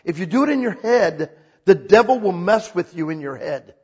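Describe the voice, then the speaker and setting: Casual, joking male preacher with a lively, husky voice; lo-fi sermon recording. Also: high voice, moderate pace. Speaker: pastor.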